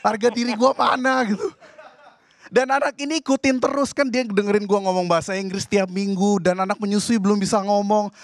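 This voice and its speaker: A man's voice: sits high, fairly even intonation, a little fast. A man from Indonesia doing a stand-up comedy set, ranting in exasperation.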